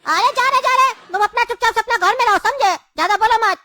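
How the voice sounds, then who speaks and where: Very high-voiced whiny woman. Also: fast talker, bright, forceful tone, dry recording, studio quality. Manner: whiny, complaining. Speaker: younger brother character in a comedy sketch. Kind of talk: scripted comedy sketch.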